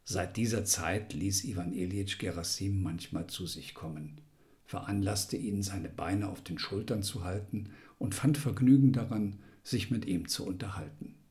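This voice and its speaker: Brief: male narrator, lowish voice, intense dramatic reading with whispered passages. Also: normal speed, darkish tone.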